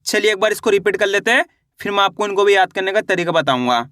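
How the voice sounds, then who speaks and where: A male teacher leading a patient beginner lesson on reading Hindi letters. He drills each sound, slows down on example words, and keeps checking that the learner follows. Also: high voice, bright, forceful tone, dry recording, clean studio sound.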